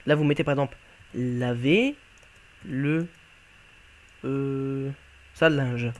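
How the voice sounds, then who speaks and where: A man's voice: medium pitch, slow. A man giving casual gameplay commentary as he shows off a game mod, talking offhandedly and thinking aloud while he plays. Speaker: YouTuber showcasing a game mod.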